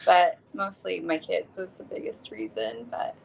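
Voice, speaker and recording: A young woman guest chatting casually on a podcast, giggling often and pausing with hesitant fillers. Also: lowish voice, lively intonation, gravelly, slight background noise, low-quality recording. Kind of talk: casual chat.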